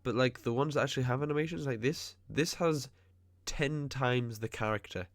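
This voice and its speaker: With a medium pitch and no echo, the man sounds clogged and nasal from his cold. He hosts a gaming video, chatting casually about the game as he plays, picking at details with quick asides.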